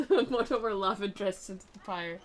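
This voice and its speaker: In a mid-range voice at a moderate pace, a woman mocks a video game as she plays it. She reads its text dramatically and delivers sarcastic commentary, often breaking into giggles.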